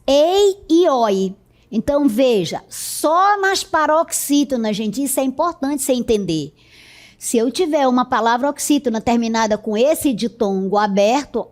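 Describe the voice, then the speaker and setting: A woman teacher with a Brazilian Portuguese accent, giving a recorded lesson in a patient, explanatory way and checking in with her students often. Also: high voice. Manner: slow, explanatory, checks in with "certo?".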